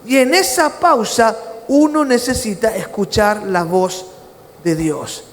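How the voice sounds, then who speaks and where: High-voiced preacher in a reverberant church. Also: male voice, takes it slowly. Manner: rises to impassioned, near-shouted emphasis, then drops low and quiet in prayer. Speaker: pastor. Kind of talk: sermon. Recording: reverberant church hall with faint ambience.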